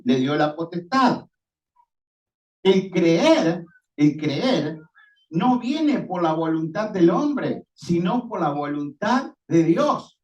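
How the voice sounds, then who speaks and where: Slow, high-voiced preacher in an echoey room. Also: male voice, a little mellow. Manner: emphatic, rhetorical questions answered himself. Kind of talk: sermon. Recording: echoey, distant, dull lo-fi sound.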